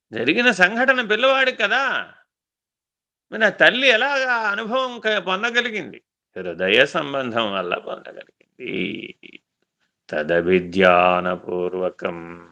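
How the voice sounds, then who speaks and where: A male spiritual teacher delivering a devotional discourse with a somewhat high voice that has a gravelly edge. He tells stories with animated energy, repeats phrases for emphasis, and stretches key words out slowly. His tone is sharply bright and forceful.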